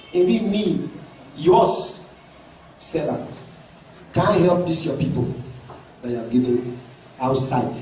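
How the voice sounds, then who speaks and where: A male pastor preaching a sermon, often rising to shouted emphasis. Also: medium pitch. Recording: echoey hall from far off, faint noise.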